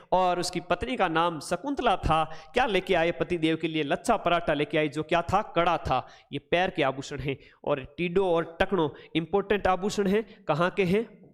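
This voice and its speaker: Man, high voice, live online lesson, playful memory tricks, long reverb. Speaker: teacher.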